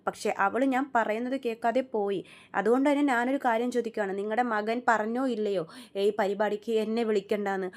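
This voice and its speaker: Woman reading as an angry young taxi-driver husband, bitter, rhetorical questions, quick and a bit high. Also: fairly even intonation, close to an everyday voice.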